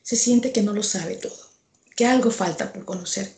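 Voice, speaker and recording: A woman's voice: mid-range voice, moderate pace, a little mellow. A woman painter answering an interview, talking earnestly and reflectively, repeating herself for emphasis. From Ecuador. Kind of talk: conversational interview. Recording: echoey room.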